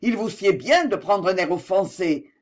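Reader doing a wounded jealous guy, bitter and sarcastic, voice pitched up and pushed hard. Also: lively intonation, moderate pace. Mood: angry. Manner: sharp, sarcastic and pleading by turns. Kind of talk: audiobook dialogue reading.

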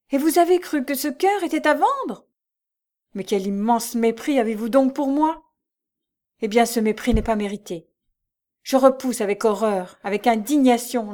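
A woman's voice: a little high, a little mellow, pitched above the performer's own voice, natural voice. A woman reading aloud and voicing a poor young working woman who is bewildered at first and then fiercely indignant and impassioned.

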